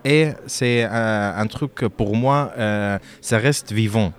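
A man from Lebanon answering interview questions about his music, speaking haltingly with frequent fillers and restarts. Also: fairly low pitch.

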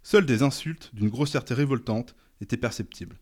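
A man reading a novel aloud in a measured, dramatic narration. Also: mid-range voice. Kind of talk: audiobook narration.

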